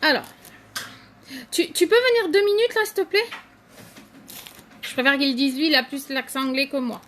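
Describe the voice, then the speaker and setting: A woman's voice: high-pitched, normal speed, a bit bright, slight background noise. A woman hosting a casual live stream, chatting to viewers by name and showing makeup products, with many fillers.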